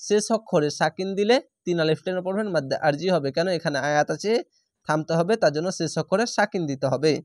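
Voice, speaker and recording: High-voiced man spelling out recitation. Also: fast, no room sound, clean studio sound. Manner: spells each syllable, then draws out the recited word. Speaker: Quran reading teacher.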